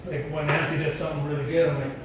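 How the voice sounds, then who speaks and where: A man's voice: a little high, level tone, racing, a crowd in the background. Blunt middle-aged man in an echoey room. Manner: blunt and salty, peppered with "you know". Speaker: interviewee, veteran tattoo artist. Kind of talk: casual chat over pool. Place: indoors at a pool table. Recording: echoey room, distant mic, noticeable background noise.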